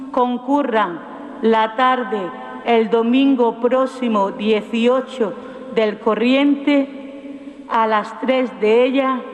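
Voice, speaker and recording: A man giving a solemn, formal reading of an old proclamation at a church ceremony, in measured, deliberate phrases. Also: very high voice. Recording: echoey hall with long reverb.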